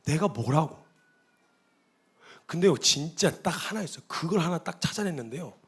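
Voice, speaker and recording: A man's voice: fairly high pitch, animated, moderate pace, slightly rough. A man giving a conversational testimony sermon as a missionary preacher, in an earnest, confessional storytelling way. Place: church hall.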